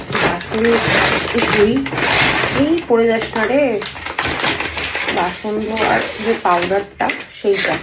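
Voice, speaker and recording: A woman vlogging softly at home, chatting about her chores while someone sleeps nearby. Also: mid-range voice, heavy background noise. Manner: soft, hushed talk so as not to wake a sleeper; chatty, homely running commentary on chores. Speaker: family vlogger. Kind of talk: casual vlog narration. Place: home, indoors.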